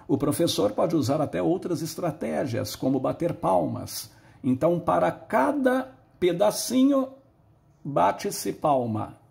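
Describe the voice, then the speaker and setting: A man's voice: fairly high pitch, vocal fry, a little mellow. A male teacher giving a patient, explanatory lesson and drawing out words when he models them. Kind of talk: recorded lesson on early literacy.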